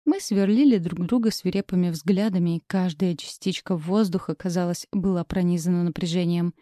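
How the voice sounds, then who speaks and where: A woman narrating a romance novel in the first person, reading in an expressive storytelling manner. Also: on the low side, normal speed, no echo, clean studio sound. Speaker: audiobook narrator.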